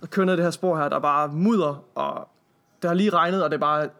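A man's voice: fairly high pitch, steady tone, vocal fry, fairly bright tone. A young man as a podcast guest, telling a story in a dry, wry way and cursing casually.

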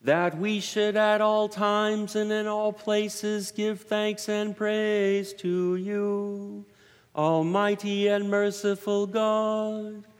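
A man's voice: high voice, level tone, very slow, clean tone, soft background music. A male pastor leading worship, chanting the liturgy solemnly and drawn out, with a cathedral echo around his voice. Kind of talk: church liturgy, partly chanted. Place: large reverberant church. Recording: long cathedral-like reverb.

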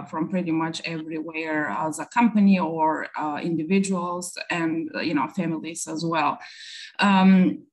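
A woman from Bulgaria speaking in a slightly low register as a guest attorney on a podcast. Her talk is loose and halting, full of fillers and small restarts. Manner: hesitant, many fillers, laughs lightly. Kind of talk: casual interview answers.

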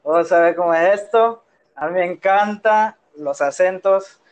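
In his own room, a podcast co-host from Yucatán, Mexico, records on his phone, rambling playfully on a casual show in his Yucatecan accent. His voice sits high and his pace is unhurried.

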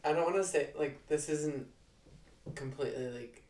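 A young woman with a remarkably deep, low voice co-hosts a podcast in casual chat. She talks in a relaxed, dry way, filling her sentences with "like," and her voice rings a bit in an echoey room. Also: normal speed, a little hiss or hum. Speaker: podcast co-host.

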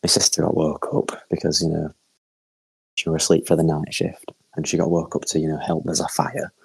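A man's voice: rumbling low, little pitch movement, brisk, gravelly, slightly rough, no room sound. A young man, a podcast co-host rambling through a funny story with lots of fillers and swearing. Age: young adult. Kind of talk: casual chat and anecdote.

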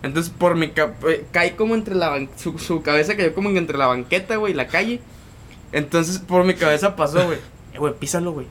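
Full of slang and repeated words, a young man from Mexico co-hosting a laid-back podcast recounts a street story, ending lines with "güey." He talks at a moderate pace in a fairly high, somewhat bright voice, with slight background noise.

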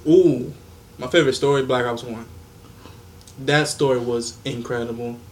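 A young man co-hosting a casual podcast chat in a relaxed way, laughing easily. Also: medium pitch, normal speed.

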